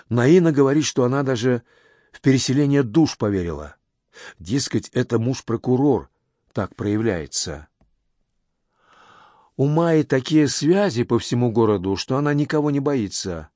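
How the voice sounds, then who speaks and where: A man's voice: medium pitch, a little mellow, dry recording, studio quality. A man voicing a chatty young woman office worker gossiping in a confiding tone.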